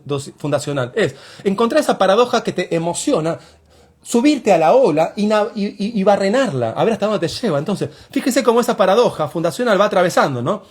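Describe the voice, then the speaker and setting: A man's voice: sits high, a little mellow, slightly rough. A man teaching poetry, walking his students through a poem step by step and often asking them to look closely at what he points out. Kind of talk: explanatory lesson on a poem.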